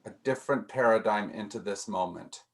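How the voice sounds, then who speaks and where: A man's voice: lowish voice, fairly quick. A man leading a casual group discussion, thinking aloud with frequent restarts and repeated words.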